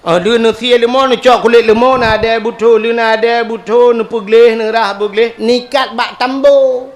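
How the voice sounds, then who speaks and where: Acehnese guy preaching, really high voice, jumps up on the big words then drops way down at the ends. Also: steady tone, moderate pace. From Aceh, Indonesia. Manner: emphatic preaching, voice leaps up on key words and drops low at phrase ends. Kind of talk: sermon.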